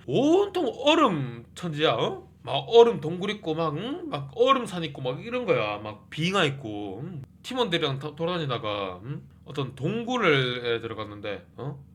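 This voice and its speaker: A man's voice: a little high, very animated, normal speed, few pauses, a bit bright. A man casually retelling a film plot with comic flair, peppering it with "eh?" and "hm?" and acting out the lines. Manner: constant "eh?" and "hm?" interjections; acts out characters' lines. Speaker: movie recap YouTuber.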